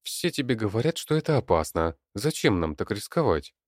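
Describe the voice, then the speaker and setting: A man's voice: lowish voice, very animated, a little fast, echoey room, in a large hall, voice pushed up. A man voicing a whiny cowardly intellectual. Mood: irritated. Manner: irritable, pleading.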